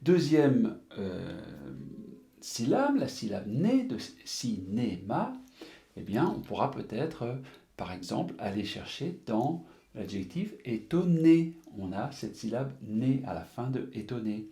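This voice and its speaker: Man, mid-pitched, mellow tone, presenting a classroom method, halting delivery with lots of fillers, recorded in a reverberant room. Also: very animated. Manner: hesitant, many fillers, spells words out letter by letter. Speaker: teacher trainer presenting a reading method. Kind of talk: explanatory video lesson.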